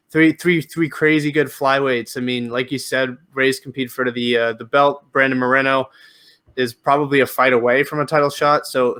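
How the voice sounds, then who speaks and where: A man's voice: mid-range voice, fairly bright tone. A man hosting a podcast, asking long questions with frequent restarts and fillers. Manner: rambling questions with many restarts. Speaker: podcast host. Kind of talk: casual interview.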